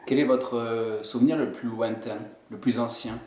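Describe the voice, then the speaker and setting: Soft-spoken man asking questions in an echoey room. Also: mid-range voice, steady tone, normal speed. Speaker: interviewer.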